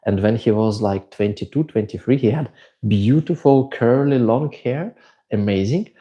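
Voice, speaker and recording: Hosting a relaxed livestream, a middle-aged man from Switzerland with a German accent reads out questions from viewers and gives long answers. He speaks at medium pitch and normal speed, with a mellow tone, and the highs are cut off.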